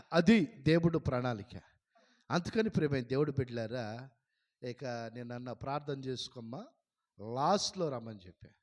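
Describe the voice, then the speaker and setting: Storytelling pastor. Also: male voice, mid-range voice. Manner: lively storyteller who acts out dialogue. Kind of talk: storytelling sermon. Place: church hall. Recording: long hall reverb.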